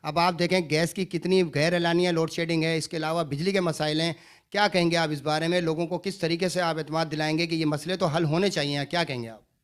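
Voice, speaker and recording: A man presenting and interviewing for an online channel, formal with filler pauses, on location at a busy party office. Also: on the high side, fairly even intonation, smooth.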